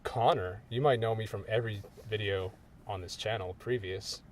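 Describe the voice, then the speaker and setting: A young man hosting a casual podcast chat, jokey and lively. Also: fairly low pitch, moderate pace, a little hiss or hum. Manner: lively, jokey, animated delivery. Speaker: podcast host. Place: indoors in Toronto.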